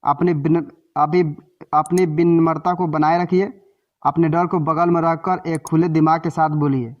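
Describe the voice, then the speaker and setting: Male book-summary narrator, higher pitch, explanatory, slightly dull lo-fi sound. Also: flat delivery, a little slow, darkish tone. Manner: explanatory, with self-corrections.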